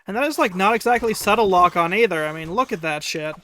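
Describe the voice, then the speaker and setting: High-voiced man streaming a game. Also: expressive, fast talker, sharp tone. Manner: chatty, wry, taunts enemies while playing. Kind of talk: casual live gameplay commentary.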